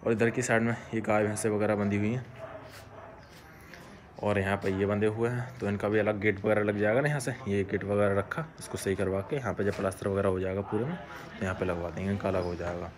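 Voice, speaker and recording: A dog shelter caretaker talks casually through a vlog tour of an outdoor yard at a home under construction, often calling out to the dogs he looks after. His voice sits on the low side with fairly even intonation, and he speaks briskly while a crowd can be heard behind him.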